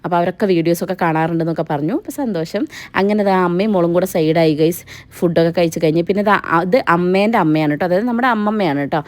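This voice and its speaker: A woman's voice: on the low side, rapid-fire, darkish tone, no echo. A young woman, narrating a family wedding vlog in a chatty, teasing voice-over that speaks straight to viewers. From Kerala. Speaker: family vlogger. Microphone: voice-over mic.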